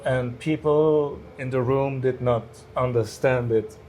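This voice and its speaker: A man's voice: mid-range voice, fairly even intonation, takes it slowly, darkish tone, a little hiss or hum. A man, a stand-up comedian guest, telling stories in a casual interview, hesitant with many restarts. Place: bar cellar.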